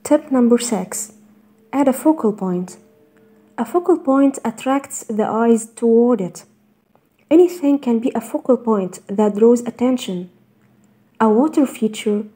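Slow, dark-toned woman narrator. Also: fairly high pitch, slightly rough. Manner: measured, even list-reading delivery. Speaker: narrator of a garden design slideshow. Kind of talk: scripted voice-over narration.

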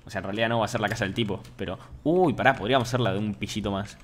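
A young man with an Argentine accent chatting casually on a gaming stream, joking with viewers and swinging from low mumbles to shouts. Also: rapid-fire, slight background noise. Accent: Argentine Spanish. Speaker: Minecraft streamer.

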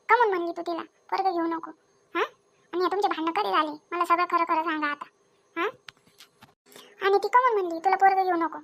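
A woman voicing a sharp village mother-in-law who scolds and keeps demanding answers. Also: extremely high pitch, exaggerated voice.

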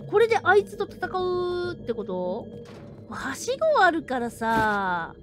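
High, lively woman streamer laughing through horror. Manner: rough, blunt casual talk with frequent laughter; bursts into loud shouting at scares. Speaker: game streamer. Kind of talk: live horror game commentary.

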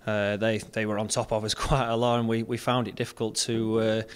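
A young football club captain gives a post-match interview indoors in front of a sponsor board, speaking into a handheld mic held close. His delivery is plain and measured, and he repeats words as he thinks. His voice is fairly low, smooth, with little pitch movement.

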